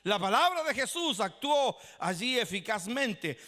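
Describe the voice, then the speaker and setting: A man preaching a sermon as pastor, retelling stories with dramatic acted quotes and sometimes shouting. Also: high-pitched, very animated, measured pace. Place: church. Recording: long hall reverb.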